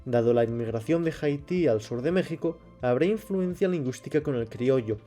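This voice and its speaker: A man, reading a scripted explanation at a measured pace. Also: mid-range voice, expressive, warm tone, soft background music. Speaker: channel host. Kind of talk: scripted narration.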